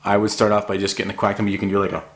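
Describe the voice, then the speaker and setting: A man's voice: fairly low pitch, completely flat delivery, very fast, very noisy. A man. He talks like a laid-back buddy walking you through a hobby, informal and encouraging, in loose conversational instruction. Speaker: hobby hunter giving a duck calling tutorial. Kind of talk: casual instructional talk.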